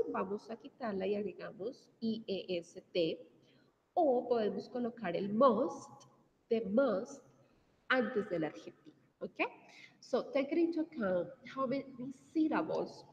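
A woman with a Colombian Spanish accent teaching an English grammar class, explaining step by step, switching between Spanish and English and slowing down to read example sentences. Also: medium pitch, lively intonation, creaky, a little mellow. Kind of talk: bilingual video class lecture. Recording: distant mic in a reverberant room, dull sound, faint noise.

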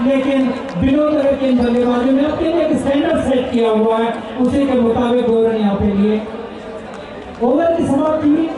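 A man giving excited live commentary on a local cricket final, often shouting over the crowd at an outdoor stadium. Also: very high voice. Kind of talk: live match commentary over a public address. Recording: echoey distant stadium sound with crowd and noise.

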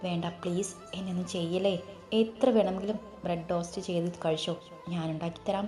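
A woman's voice: lowish voice, fairly even intonation, brisk, warm tone, close to an everyday voice. A woman voicing a comically frightened young heroine in a storybook reading, with pleading, rambling chatter. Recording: echoey room, faint music.

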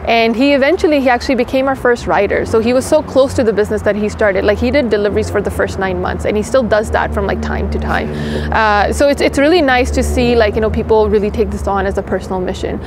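A young woman who grew up in Toronto, answering interview questions in a quick, chatty way with lots of "like" fillers, recorded outdoors in a city courtyard. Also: fairly high pitch, background noise. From Pakistan, raised in Toronto. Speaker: engineering director, interview guest.

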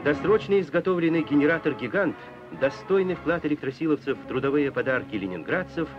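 A man's voice: on the high side, lively intonation, a little fast, dull audio, over music. A man narrating a 1960s newsreel in a solemn, declamatory tone, on an old film soundtrack.

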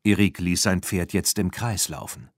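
Lively man reading a children's audiobook. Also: low voice, moderate pace, dry recording, clean studio sound. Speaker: audiobook narrator. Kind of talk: scripted narration.

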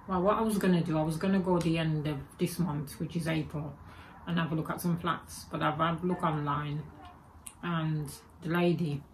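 A woman in her forties from England, with a Birmingham accent carrying Jamaican and Egyptian traces, chats casually to a webcam or phone camera at her desk, rambling and correcting herself. She is indoors in a home room with spooky shelves, and her low, slightly mellow voice comes through poor audio with slight background noise.

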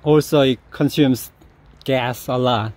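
A man's voice: medium pitch, steady tone, takes it slowly, a little mellow. A man with a Korean accent hosting a casual interview, speaking English as a second language, laughing often and asking short questions. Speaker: vlog host interviewing.

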